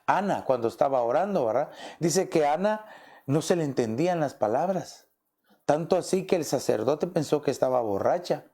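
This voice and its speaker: A man's voice: fairly high pitch, lively intonation, moderate pace, dark tone. A man, a pastor, preaching a conversational sermon and often tossing in rhetorical questions. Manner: asks rhetorical questions, often adds "¿verdad?".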